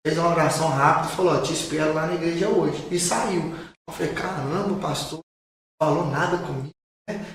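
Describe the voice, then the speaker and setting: A pastor with a Brazilian Portuguese accent tells a personal testimony in a podcast, in an earnest storytelling manner and repeating phrases for emphasis. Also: male voice, a little high, a little fast. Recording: very echoey room, distant mic, faint noise.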